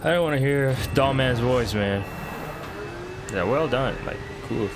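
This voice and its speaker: A man's voice: medium pitch, unhurried, noisy background. A man hosting a gaming video, giving casual, slangy commentary as he thinks aloud. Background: game music.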